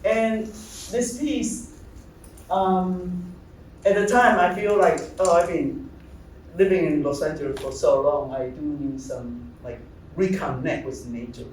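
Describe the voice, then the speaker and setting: A middle-aged man from Taiwan, a visual artist, giving a halting talk about his slides, often searching for words. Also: fairly high pitch, recorded from a distance. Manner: halting, searching for words, many fillers and restarts. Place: large gallery hall. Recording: echoey hall, speaker off-mic, faint room noise.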